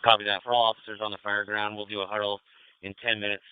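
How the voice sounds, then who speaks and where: A man's voice: fairly low pitch, flat delivery, fast talker, clear, resonant tone, no room sound, phone-quality sound. An American man working as fire incident commander, giving courteous, procedural orders in clipped police-radio style over a two-way radio. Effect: radio transmission. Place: fireground.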